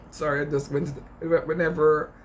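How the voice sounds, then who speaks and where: A man's voice: on the high side, unhurried, gravelly, fairly bright tone, a little hiss or hum. A middle-aged man with a Jamaican accent, giving impassioned, informal commentary in an earnest, emphatic way, repeating phrases for stress. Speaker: speaker on immigration issues.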